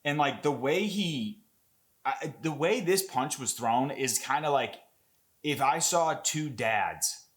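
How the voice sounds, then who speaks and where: A young man with an ordinary middle-pitched voice talks through a fight replay for his channel. He rambles loosely, piles on fillers and curses, and gets worked up over the action. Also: takes it slowly. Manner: excitable, rambling, swears a lot, many fillers. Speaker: MMA content creator. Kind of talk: casual fight breakdown commentary.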